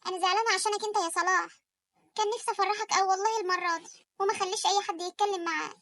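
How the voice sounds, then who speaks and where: A woman with an Egyptian Arabic accent voicing a gentle, tender young wife in an animated story. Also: very high voice, very fast, no echo, studio quality, distant mic, heavily acted.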